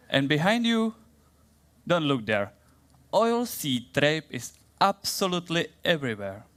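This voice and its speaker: A young man with a Czech accent giving a playful, theatrical science talk in a plant's voice, then answering questions in halting English. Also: fairly high pitch, fairly bright tone. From Czech Republic. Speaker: science communication contestant.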